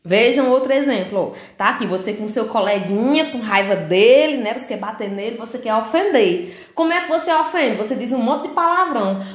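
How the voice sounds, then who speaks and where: A woman's voice: sits high, roomy sound. A woman with a Brazilian Portuguese accent teaching an online language lesson, explaining step by step, asking the class questions and acting out comic-strip dialogue.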